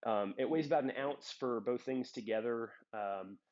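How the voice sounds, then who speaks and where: Here a young man who vlogs about hiking rambles easily through his gear to camera, dropping plenty of ums, while in a trail town. His medium-pitched, slightly stuffed-up voice moves at normal speed; the phone on his trekking-pole clip gives dull audio.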